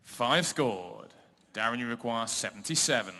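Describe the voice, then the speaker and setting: A man working as a darts score caller, announcing scores and legs in a loud, clipped announcer's delivery. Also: mid-range voice, animated, normal speed, a little hiss or hum.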